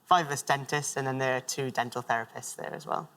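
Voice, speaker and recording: A woman's voice: very deep voice, fairly even intonation, fast talker, a bit bright. A woman, chatting as a game show contestant. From Caerphilly, Wales. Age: 20s. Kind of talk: casual chat.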